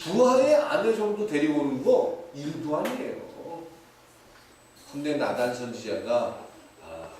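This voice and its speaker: A man preaching a sermon as pastor, lively and playful, mimicking short dialect phrases. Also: medium pitch. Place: church sanctuary. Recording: echoey, distant, faint hiss.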